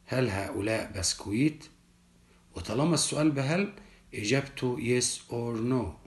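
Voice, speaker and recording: A man, teaching a children's English lesson and explaining each word slowly and carefully. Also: medium pitch. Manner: slow, deliberate, repeats each word for children. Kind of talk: primary school English lesson, explained in Arabic.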